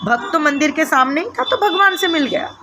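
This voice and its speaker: A woman tarot reader telling a story in an animated way, with many fillers. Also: high-pitched, a little fast, rough recording. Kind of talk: storytelling monologue.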